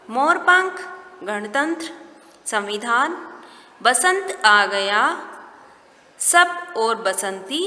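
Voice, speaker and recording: A woman with a high, bright voice teaches a recorded lesson to small children. She goes slowly, asks simple questions and answers them herself. Her voice rings in an echoey room with a long reverb. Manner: slow, explaining each step and asking questions. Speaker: primary school teacher.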